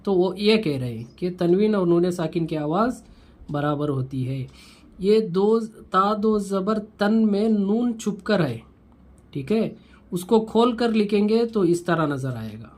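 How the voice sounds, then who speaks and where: A man teaching Quran reading, patiently repeating each syllable of the lesson slowly for learners. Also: high voice, animated, darkish tone. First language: Urdu. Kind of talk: slow recitation lesson.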